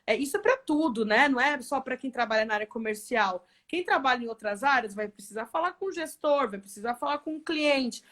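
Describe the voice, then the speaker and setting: A woman executive as a guest in a live interview, telling stories in a lively way with frequent tag questions. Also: high voice, brisk, few pauses. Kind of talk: casual live interview chat.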